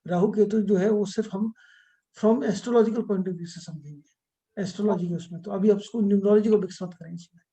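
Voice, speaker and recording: A man's voice: high voice, fairly even intonation, normal speed, mellow. A middle-aged man teaching an astrology class over a video call, explaining step by step and mixing English terms into his talk. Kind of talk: online class lecture.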